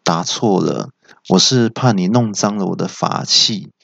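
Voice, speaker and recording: A calm, unhurried monk fighter, as a male storyteller plays him, speaking politely with a dry deadpan wit and a slightly lowered voice. The audio is dry and slightly dull. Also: vocal fry, slightly rough, no echo, full character voice. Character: calm, dryly witty monk-like fighter, a man.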